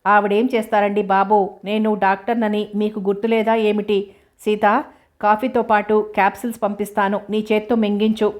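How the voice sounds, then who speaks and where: A woman narrator voicing a caring female doctor who teases her patient in a brisk, practical way. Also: mid-range voice, level tone, close to an everyday voice.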